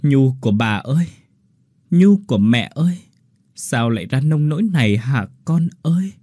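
A grieving old grandmother calls out in a high, wailing lament in a horror audio story, as a man puts her on. The voice is husky and rich in pitch swings. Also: animated, normal speed, dark tone, dry recording, clean studio sound, close to an everyday voice.

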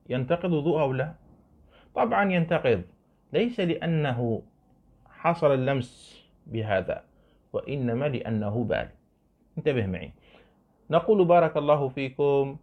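A man's voice: mid-range voice, breathy edge. A man teaching Islamic law, explaining a classical text line by line, often repeating his points, asking his students questions and showing things with his hands. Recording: narrow phone-like band.

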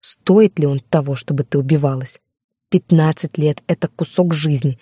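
A woman voicing a controlling male lover, smug, slow mocking delivery, mellow dark tone, dry close sound. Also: medium pitch, slightly rough, dry recording, natural voice. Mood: cold smug.

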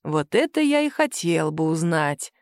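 Чтица в роли спокойного мужчины-капитана. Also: female voice, sits low, big pitch swings, no echo, studio quality, voice pushed down, heavily acted. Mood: вкрадчиво. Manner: slow, careful, coaxing. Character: calm middle-aged male police captain.

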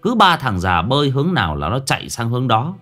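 A man's voice: mid-range voice, sing-song, fast talker, a bit bright. A man narrating a comic folk tale in an earthy, colloquial way. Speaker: storyteller.

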